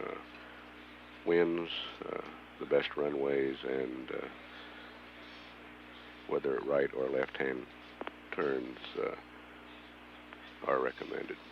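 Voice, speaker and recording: A man giving live mission control commentary in a halting manner, with frequent long hesitations. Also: a bass voice. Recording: dull mission audio feed, hum and noise.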